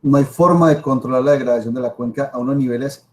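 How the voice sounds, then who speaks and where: Speaking quickly in a mid-range voice, a Colombian-accented professor gives students an informal spoken lecture. He is emphatic, repeats points and asks rhetorical questions.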